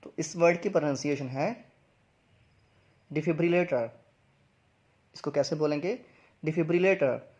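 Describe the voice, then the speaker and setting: A man's voice: a little high, fast talker, darkish tone. A young man, teaching English pronunciation in a video lesson, explaining step by step and repeating each word twice. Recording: dull lo-fi sound.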